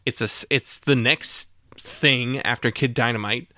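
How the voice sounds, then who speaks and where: A man hosting a podcast who talks in a relaxed, rambling way, laughing easily while chatting about music. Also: medium pitch, a little slow, no echo, clean studio sound. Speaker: podcast host. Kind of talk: casual chat.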